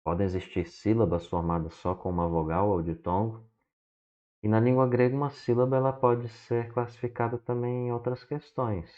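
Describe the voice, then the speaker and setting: A man teaching from slides who explains slowly, checks in with "né?" and spells words out one syllable at a time. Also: mid-range voice, steady tone, a little mellow. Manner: explains slowly and often adds "né?". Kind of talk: slide lesson. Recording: dull lo-fi recording.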